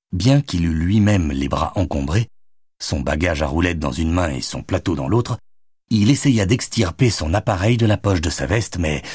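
A male audiobook narrator reads a novel in a deep, breathy-edged voice. His delivery is expressive and lively in pitch, recorded dry and close. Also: no room sound.

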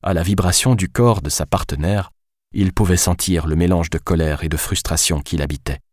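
A man reading an audiobook in a steady, measured narrating voice. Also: deep voice, no room sound, clean studio sound. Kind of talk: scripted narration.

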